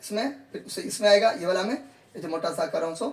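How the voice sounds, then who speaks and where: A man's voice: sits high, fast. A man teaches biology in a classroom style. He repeats each point and answers his own questions. He coaxes the students along as he shows them a real leaf. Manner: calls students "babu log" in a coaxing tone.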